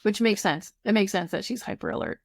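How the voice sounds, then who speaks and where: Effusive woman in her fifties, gravelly edge. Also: mid-range voice, brisk, no echo, studio quality. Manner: warm, effusive, restarts sentences. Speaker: tutoring program founder. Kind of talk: casual podcast conversation.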